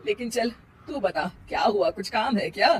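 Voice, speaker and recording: A woman with a mid-range, animated voice close to an everyday tone speaks at a moderate pace over slight background noise. She plays a tired older mother-in-law in a family cartoon, weary, nagging and sarcastic, with emphatic delivery.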